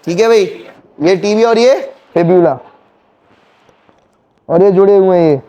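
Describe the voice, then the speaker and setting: This anatomy lecture comes from a male teacher with a high, dark voice who speaks unhurriedly over lo-fi sound. He counts bones out loud and quizzes his class with call-and-response questions.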